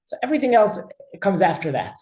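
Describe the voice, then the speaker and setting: With a high-pitched, dark-toned voice, a rabbi lectures and leads discussion in a quick, sing-song manner. He talks emphatically, repeating words often, and the audio is poor with a roomy sound.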